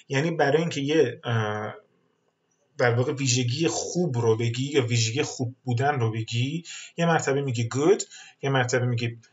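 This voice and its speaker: Male webinar teacher, patient explainer with filler pauses, mid-pitched voice, dull lo-fi audio. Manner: explains patiently, mixes English terms into speech, frequent filler pauses. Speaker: English teacher. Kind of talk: webinar lesson.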